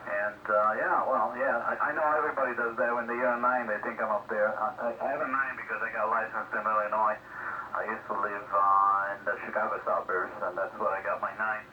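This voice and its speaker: A man speaking in a relaxed, hesitant way with many fillers, heard over a fading shortwave radio link. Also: lowish voice, fairly quick. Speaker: amateur radio operator. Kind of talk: casual radio contact. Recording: distant, dull shortwave radio signal with faint noise.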